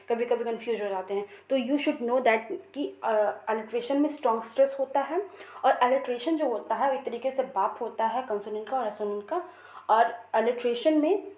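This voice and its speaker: A woman's voice: on the high side, darkish tone. Woman teaching in an echoey room. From India. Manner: repetitive, drills key points, reads English definitions and poem lines slowly. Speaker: English literature teacher. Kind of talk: exam-prep lecture in Hindi mixed with English. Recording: echoey room with faint background noise.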